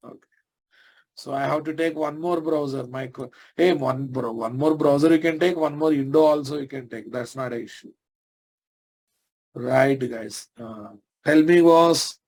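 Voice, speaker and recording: Teaching programming live and informally, this instructor is a man with a Telugu Indian accent and a mid-range, slightly mellow voice. He frequently addresses his audience head-on and checks their understanding with questions.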